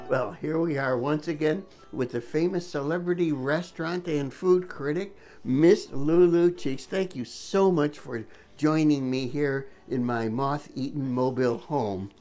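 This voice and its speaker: A man's voice: on the high side, unhurried, darkish tone, soft background music. An older man hosting a casual home cooking video, chatty and enthusiastic, talking from his kitchen.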